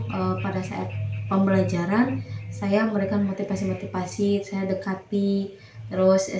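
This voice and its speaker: A woman's voice: mid-range voice, darkish tone. Earnest woman teacher in an echoey room. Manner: earnest, explains with examples and hesitations. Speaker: teacher being interviewed. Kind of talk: casual interview conversation. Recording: echoey room with faint noise.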